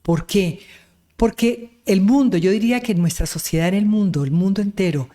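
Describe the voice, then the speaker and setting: A woman's voice: mid-range voice, moderate pace, warm tone. A woman hosting an online interview, effusive and full of praise, with religious turns of phrase. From Colombia. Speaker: interview host.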